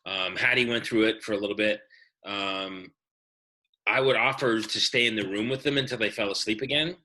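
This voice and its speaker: A man's voice: lowish voice, moderate pace, bright, forceful tone, rough recording. A middle-aged man co-hosting a podcast, casually giving fatherly parenting advice in a firm, practical way. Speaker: podcast co-host. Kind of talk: casual chat.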